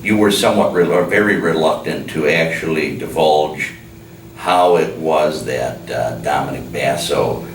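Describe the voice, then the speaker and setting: A man's voice: extremely low pitch, a little slow. A man hosting a conversational interview, putting questions in a careful, deferential, hesitant way. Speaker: show host. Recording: roomy, distant mic with clear background noise.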